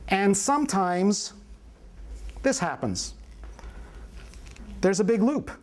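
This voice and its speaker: A man's voice: high-pitched, very animated, slow pace. A man teaching a prenatal class as an obstetrician, in a playful, folksy storytelling manner with questions to the room. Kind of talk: live classroom lecture.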